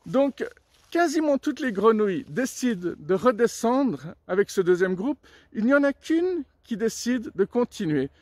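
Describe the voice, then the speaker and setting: A man's voice: extremely high pitch, very animated, measured pace, a little mellow, dry recording. A man casually telling jokes and little stories, chatty and digressive, with plenty of filler sounds. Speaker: storyteller. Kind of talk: casual joke and story telling.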